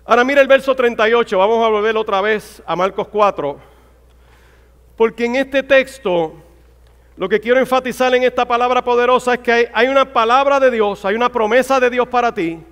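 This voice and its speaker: A man's voice: extremely high pitch, a little fast, a bit bright, clear, resonant tone. A man, a pastor, preaching a fervent sermon that rises to exclamations. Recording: hall reverb.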